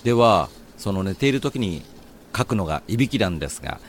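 A man's voice: lowish voice, sing-song, a little hiss or hum. A man hosting a radio language lesson, asking friendly questions and nodding along with short replies. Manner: friendly questioning, quick nods and back-channels. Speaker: host.

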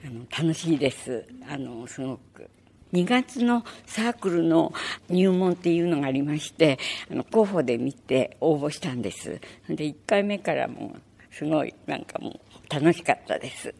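A woman's voice: low-pitched, gravelly, a little mellow, slightly rough. A woman club member answering a host shyly, with hesitant fillers. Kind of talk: interview answers.

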